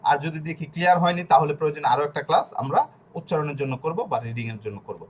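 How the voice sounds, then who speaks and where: A man's voice: on the high side, racing, dull audio, a little hiss or hum. A man with a Bangladeshi Bengali accent, teaching an online language class and spelling out sounds patiently.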